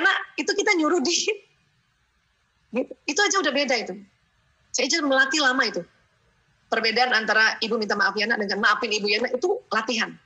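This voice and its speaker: A middle-aged woman giving a lively parenting seminar talk, acting out little parent and child exchanges. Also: on the high side, highs cut off. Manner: animated, acts out parent and child lines.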